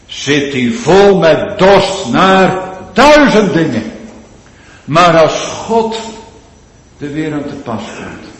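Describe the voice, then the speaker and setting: A man preaching a sermon, swinging between loud pleading cries and hushed, drawn-out low phrases. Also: slight background noise. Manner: slow, drawn-out emphatic delivery. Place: large church. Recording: echoey church hall with long reverb.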